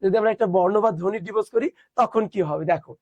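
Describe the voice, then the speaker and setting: A man's voice: high-pitched, racing, darkish tone, dry recording, lo-fi sound. A young man teaching an online class, explaining step by step and asking his students questions.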